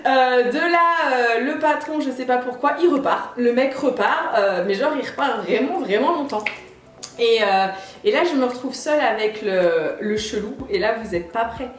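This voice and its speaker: Animated woman telling a story in an echoey room. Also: a little high, normal speed. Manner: animated, acts out both sides of the dialogue. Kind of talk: casual storytime vlog. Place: inside her apartment. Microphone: camera mic. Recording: roomy, echoey apartment room.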